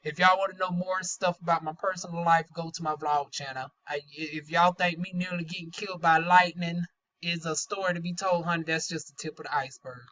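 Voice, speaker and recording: A Southern American woman chats casually through a product review in a bright, forward voice. She has trouble pronouncing her R sounds and talks in a candid, folksy way peppered with slang. The recording is slightly dull and lo-fi. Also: fairly low pitch, steady tone, fairly quick. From North Carolina, US South. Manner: folksy, candid, chatty with playful euphemisms and slang. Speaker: beauty vlogger, aesthetician.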